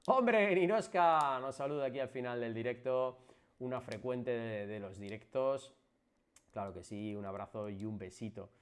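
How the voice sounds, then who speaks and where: A man from Spain with a Spanish accent, talking to his viewers on a live stream about exercise and recovery. He is energetic and emphatic, throwing out loud bursts and then dropping into soft asides. His delivery is casual and chatty, in a middle register. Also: medium pitch, moderate pace, clean tone. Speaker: physiotherapist hosting a live stream.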